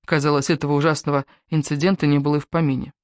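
A woman narrating an audiobook in an even, measured storytelling manner. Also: sits low, dry recording, clean studio sound. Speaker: audiobook reader. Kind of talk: scripted narration.

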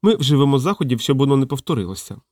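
Man doing a thin stern official, quiet and threatening, dry audio. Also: mid-range voice, very animated, very fast, no room sound, lightly acted. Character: thin, stern male official, coldly menacing. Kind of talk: audiobook character voice.

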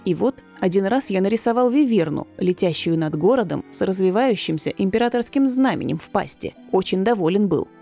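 A woman voicing a gentle, wry young male servant telling a story. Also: mid-range voice, expressive, brisk, vocal fry, few pauses, soft background music. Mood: wistful. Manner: wry, easygoing.

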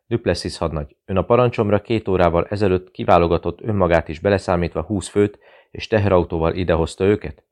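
A man's voice: deep voice, darkish tone. A man voicing a cold, commanding Serbian warlord in an audiobook, giving icy, curt orders.

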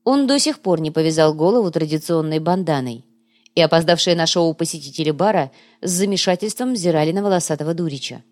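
Lower-voiced woman narrating an audiobook. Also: quick pace. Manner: lively, character-driven reading. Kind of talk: scripted narration.

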